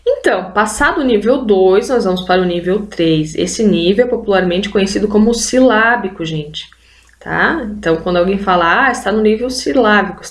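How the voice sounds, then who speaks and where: A woman's voice: mid-range voice, lively intonation, normal speed, roomy sound. A Brazilian woman teaching literacy in an online video lesson. She explains step by step and keeps prompting viewers with "olha só" and "gente". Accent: Brazilian Portuguese.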